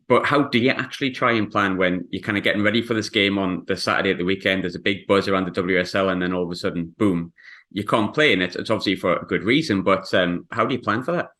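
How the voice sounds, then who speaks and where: A man hosts a conversational podcast interview. He speaks rapidly, in a slightly low-pitched voice, putting questions to his guest in an informal way. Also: a bit bright. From North East England. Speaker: podcast host.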